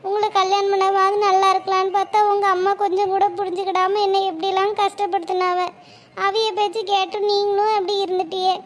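A woman doing a high, sad cartoon wife. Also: little pitch movement, fairly quick, a little hiss or hum. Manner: soft, pleading, sighing. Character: young wife, sad and tender.

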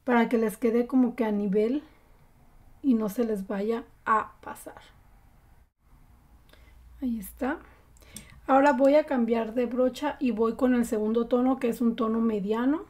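A woman giving a relaxed, chatty makeup tutorial, with many fillers. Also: on the high side, moderate pace. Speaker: beauty vlogger.

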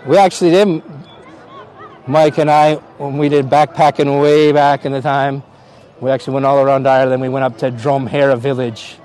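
This middle-aged tour guide from Canada chats casually on an outdoor live stream at a hilltop park, often laughing and calling out viewers by name. His Canadian-accented voice is medium-pitched, level, and darkish, at a normal speed. It's picked up on a phone on a gimbal at arm's length, and the quality is low.

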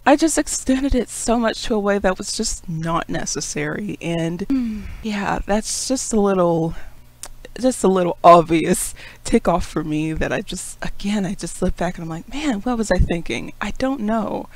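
Gravelly, rambling webcomic vlogger. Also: medium pitch, animated, normal speed, poor audio. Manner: rambling, self-critical, laughs often; calls own rising talk a puppet voice. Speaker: webcomic creator. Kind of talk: casual rambling vlog monologue.

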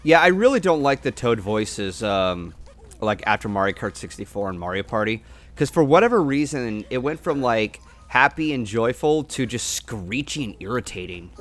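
A man doing casual gameplay commentary as a streamer, excitable and foul-mouthed. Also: medium pitch, moderate pace. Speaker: game streamer. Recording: game music behind. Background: video game music.

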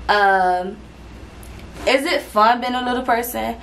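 A young woman talks casually into her camera, pitched a little high. She rambles, doubles back on herself, and sounds a touch out of breath, with faint noise in the room behind her. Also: slow pace, a bit bright, rough recording. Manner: chatty, rambling, with frequent restarts and fillers. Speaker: vlogger.

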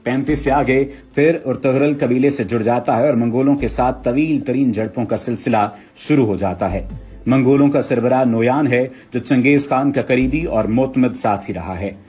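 Husky-voiced male narrator. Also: medium pitch, a little mellow. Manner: measured, formal storytelling. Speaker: narrator summarizing a TV drama. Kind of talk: read narration.

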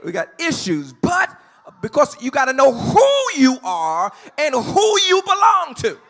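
A man preaching a sermon as pastor in a church sanctuary, moving from calm teaching to shouted, sing-song delivery. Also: very high voice, a little slow.

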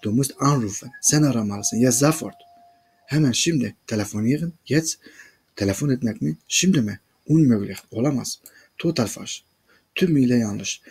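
A man with a husky, mid-pitched voice reads a story sentence by sentence. He translates each line and explains it to listeners he calls friends, like a teacher. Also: expressive, normal speed, darkish tone. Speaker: German language teacher reading a story. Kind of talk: reading a German story aloud and translating it line by line.

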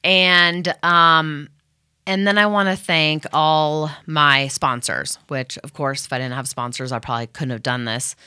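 A woman's voice: deep voice, steady tone, a little slow, sharp tone, clean tone, dry recording, studio quality. A woman radio host thanking her sponsors in a loose, rambling chat full of fillers and restarts. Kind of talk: casual thank-you to sponsors.

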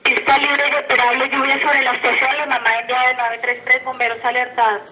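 A woman's voice: sits high, little pitch movement, fairly quick, bright, forceful tone, poor audio. A woman air traffic controller giving procedural instructions to aircraft over the radio. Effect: aviation radio.

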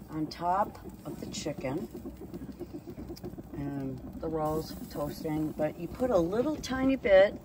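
A woman with a lowish voice records a casual cooking vlog on the phone in her hand, grilling on a lakeside deck. She chats without hurry and wanders into asides, and background noise runs through the clip.

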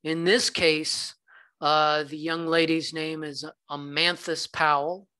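A man's voice: fairly high pitch, little pitch movement, slow pace, sharp tone, clear, resonant tone. A man from the American South giving a conversational literature lecture, with some fillers, reading passages aloud. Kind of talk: recorded lecture.

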